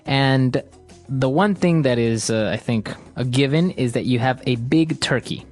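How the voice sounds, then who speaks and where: Man, relaxed chatty tone, lots of fillers, soft music underneath. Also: medium pitch, a little slow. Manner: relaxed, agreeable, frequent fillers. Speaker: podcast co-host. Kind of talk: English-learning podcast chat.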